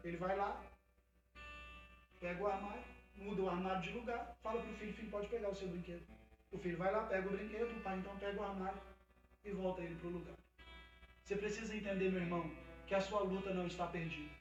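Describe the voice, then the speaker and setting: A man's voice: sits high, fairly even intonation, fast talker, roomy sound, far from the mic, dull audio, soft background music. A man with a Brazilian Portuguese accent preaching an emphatic sermon as a pastor at a livestreamed church service. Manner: emphatic preaching that builds to a fervent, loud climax.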